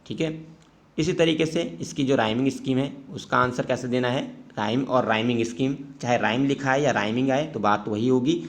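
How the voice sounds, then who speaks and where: A man's voice: mid-range voice, brisk, few pauses. A man teaching an exam-prep lesson, explaining step by step in Hindi mixed with Indian-accented English.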